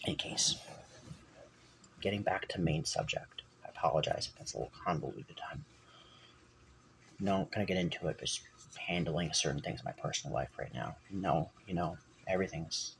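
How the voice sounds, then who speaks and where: A man with a deep, gravelly voice rambles through a personal vlog. He keeps stopping to correct himself and drifts off topic. The camera mic picks up a faint hiss of room noise behind him. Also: a bit bright, low-quality recording. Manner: rambling, self-correcting, digressive. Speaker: vlogger.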